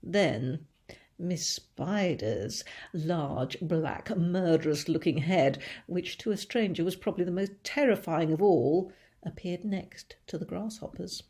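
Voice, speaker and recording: A woman teacher reading a children's book aloud with expressive storytelling. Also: on the low side, takes it slowly, breathy edge.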